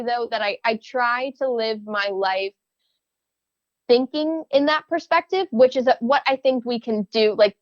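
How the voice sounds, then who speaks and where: A young woman guest in a casual interview, speaking thoughtfully with frequent restarts and small soft laughs. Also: fairly high pitch, dry recording, highs cut off. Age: young adult.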